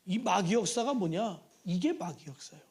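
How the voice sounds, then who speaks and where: A man preaching a midweek sermon in a church, his voice sitting very high and leaping up and down. He throws out rhetorical questions and bursts into shouts for emphasis. He also acts out pleading prayers in a sing-song tone. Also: big pitch swings, normal speed, husky. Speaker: pastor. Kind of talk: Wednesday evening sermon. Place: church sanctuary.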